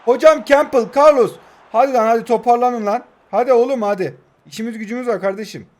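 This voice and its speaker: This Turkish mobile football gamer in his 20s has a high, slightly mellow voice and talks at a quick pace. His live gameplay commentary is heated as he urges his players on and trash-talks the opponent.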